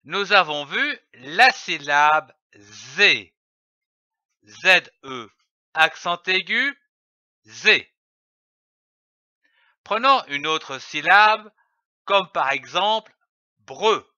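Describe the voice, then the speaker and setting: Slow, bright-voiced man teaching phonics. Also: sits high, lively intonation, dry recording, highs cut off. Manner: spells letters and syllables slowly and carefully. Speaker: reading teacher. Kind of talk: slow syllable-by-syllable phonics lesson.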